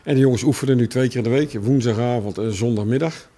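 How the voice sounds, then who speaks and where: A man who coaches a youth theater group, telling relaxed anecdotes in an interview. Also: mid-range voice, fast. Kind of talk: interview answers.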